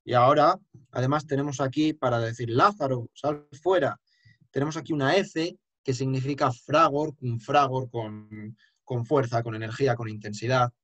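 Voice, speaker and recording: A man's voice: medium pitch, fairly even intonation, normal speed, fairly bright tone. A man giving an emphatic, explanatory lesson on chant and singing short examples. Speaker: chant teacher. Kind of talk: lecture with sung examples.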